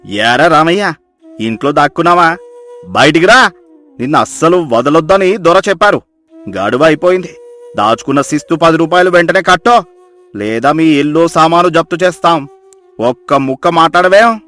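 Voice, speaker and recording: A man voicing a harsh, bullying landlord's henchman in a dubbed cartoon, loud and commanding. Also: on the high side, expressive, normal speed, long pauses, soft background music. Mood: threatening. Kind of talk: cartoon dubbing.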